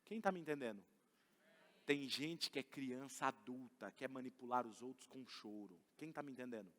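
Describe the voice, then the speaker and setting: A pastor in his thirties preaching a conversational, animated sermon in a church, moving between loud emphatic lines and quiet asides. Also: medium pitch, moderate pace. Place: church sanctuary. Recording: church hall reverb.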